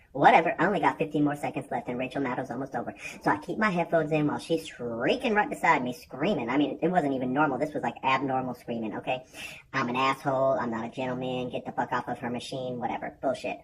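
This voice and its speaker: A man rattles off a comedic story at a quick clip, exasperated and profane as he acts out everyone else's lines himself. A faint room hum sits behind him. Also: medium pitch. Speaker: vlogger.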